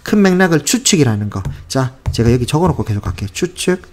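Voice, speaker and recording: A man's voice: medium pitch, sing-song, fast. A man teaching English grammar in casual Korean, speaking with passion and exasperation and mixing in English phrases. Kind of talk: casual spoken lesson.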